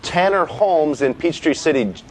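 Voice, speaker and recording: A man co-hosting a casual live broadcast, reading viewer questions aloud in a relaxed way. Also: a little high, moderate pace, slight background noise.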